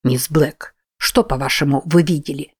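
A woman reading an audiobook, voicing a calm, curious male photographer. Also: low-pitched, moderate pace, husky, no echo, clean studio sound. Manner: calm, inquisitive.

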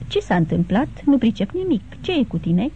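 Give me a woman playing an eager young bride in a storybook, higher pitched, tinny sound. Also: sing-song, dark tone, slight background noise. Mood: alarmed.

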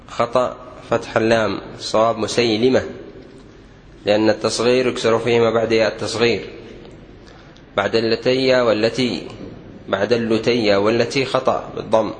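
A man teaching Arabic usage, correcting common mistakes one by one in a measured, repetitive lecturing manner. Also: mid-range voice, slight background noise, poor audio. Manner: didactic, measured, repeats each correction. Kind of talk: lesson correcting common errors.

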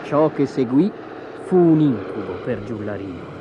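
A woman narrating a children's storybook in an expressive, dramatic way. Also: a bass voice, measured pace, very noisy. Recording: dull lo-fi audio with music behind.

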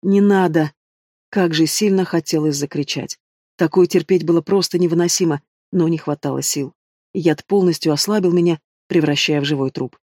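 A man narrating a fantasy novel in the first person, steady and dramatic. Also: a little high, a little fast, no room sound, studio quality. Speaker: audiobook narrator.

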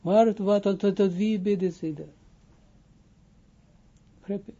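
A rabbi giving an informal spoken lesson, a man who talks haltingly, restarts his phrases and keeps asking whether he is understood. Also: sits high, steady tone, dark tone, dull audio. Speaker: rabbi teaching Kabbalah.

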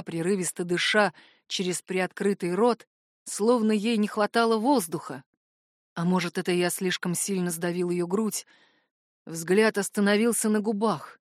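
A woman narrating a first-person novel as an audiobook, with an even, expressive reading. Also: lowish voice, dry recording, clean studio sound.

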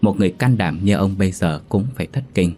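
Deep-voiced ghost story narrator. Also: male voice, fast, warm tone, faint music behind.

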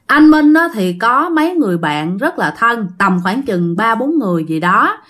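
A woman with a Southern Vietnamese accent tells a ghost story in a loose, chatty way. She speaks straight to her listeners and sprinkles in plenty of fillers, her voice sitting a little high. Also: fairly bright tone. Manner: chatty, addresses listeners directly, many fillers. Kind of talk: casual spoken ghost story.

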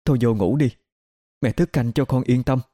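A man's voice: mid-range voice, moderate pace, dark tone, pitched above the performer's own voice, natural voice. A male storyteller voicing a young mother who talks in a hesitant, raised voice. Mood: soothing. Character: young mother, anxious and flustered, at times eerily childlike.

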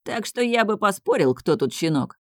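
Calm, sneering boss type, menace under the mockery, put on by the storyteller. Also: male voice, high voice, normal speed, no room sound, studio quality, pitched above the performer's own voice. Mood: mocking. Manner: sharp, cold, sneering. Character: dangerously calm, mocking middle-aged crime boss.

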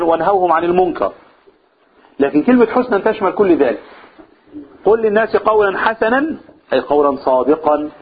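A man with an Egyptian accent explains a religious text to a class. He often stops to ask his listeners questions and repeats key phrases. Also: high voice. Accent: Egyptian Arabic. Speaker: religious teacher. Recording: tinny phone-like, husky sound.

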